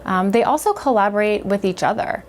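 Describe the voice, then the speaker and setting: A woman official answers interview questions in a conversational way, often pausing on "um." Her pitch is middling, with faint noise behind her. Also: animated. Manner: conversational, with frequent "um"s. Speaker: child-protection agency official.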